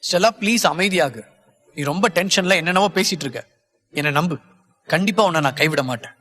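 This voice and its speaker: A man's voice: high-pitched, fairly quick, pushed and bright, big-room sound. A man voicing a cornered young man who pleads with his lover to trust him, in an audiobook. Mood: pleading. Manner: earnest, pleading, reassuring.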